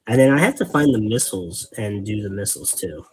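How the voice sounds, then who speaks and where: This man's husky, lowish voice is animated and moves fairly quickly as he hosts a casual hobby painting stream. He rambles and explains things patiently, tossing out corny dad jokes while chatting live as he paints.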